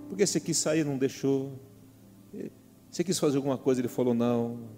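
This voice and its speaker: A mellow, medium-pitched man speaks fairly quickly as he preaches a sermon. He is a middle-aged pastor with a Brazilian Portuguese accent, repeatedly asking his congregation questions. The church hall recording has long reverb and faint music.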